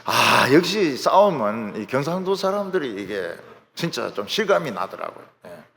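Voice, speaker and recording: A man's voice: mid-range voice, normal speed, vocal fry. A male pastor, preaching a sermon and acting out the people in his stories. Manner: animated storytelling, acting out quotes. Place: large church sanctuary. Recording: long hall reverb.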